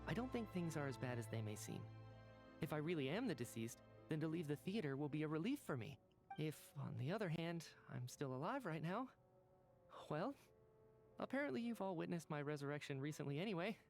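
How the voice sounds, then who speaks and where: A man voicing an earnest male scientist in a video game, measured and thoughtful, with faint music behind. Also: fairly high pitch, very animated, a little mellow. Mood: calm reasoning.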